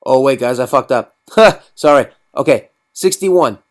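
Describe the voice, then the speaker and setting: A man's voice: medium pitch, animated, a little slow. Loose, swearing man talking through a game. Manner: loose, profane, rambling. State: tipsy after drinking. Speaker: mobile game channel host. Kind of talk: casual gameplay commentary.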